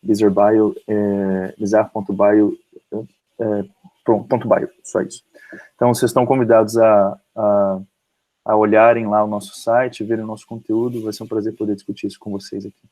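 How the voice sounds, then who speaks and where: A man with a Brazilian accent, a company head answering in an online interview, calm and matter-of-fact. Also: fairly low pitch, normal speed, poor audio. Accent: Brazilian Portuguese. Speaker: company CEO guest. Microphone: video call.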